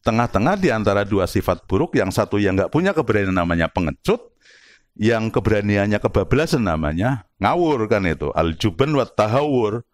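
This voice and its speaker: A middle-aged man giving a lively religious philosophy lesson, explaining with rhetorical questions and examples and slipping in Arabic and words. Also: fairly low pitch, moderate pace, no room sound, clean studio sound. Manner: mixes in Arabic and Javanese words. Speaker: Islamic philosophy teacher. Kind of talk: lively religious study lecture.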